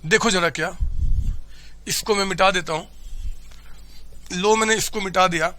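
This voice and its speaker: A male commerce teacher giving a classroom lecture, loud and energetic with a sore throat, often shouting and constantly quizzing his students. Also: high voice, a little slow. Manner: keeps asking students questions.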